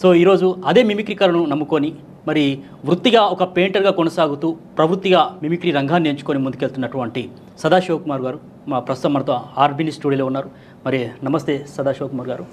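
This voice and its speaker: A man who anchors a news channel, interviewing a guest in the studio with brisk, prompting questions. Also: on the high side, slight background noise.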